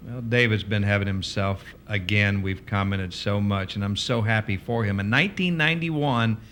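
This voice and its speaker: A man's voice: lowish voice, moderate pace, a bit bright, a little hiss or hum. A man working as a golf commentator, giving conversational, chatty analysis of play with some hesitation.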